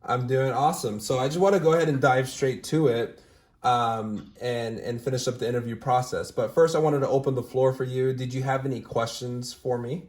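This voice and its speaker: This recruiting manager talks a little fast, his medium-pitched voice carrying a darkish tone. A young man hiring for a sales team, he runs through callbacks on a casual screen share and then a phone interview, cheerful and filler-heavy with plenty of "all right?" The recording has a roomy echo.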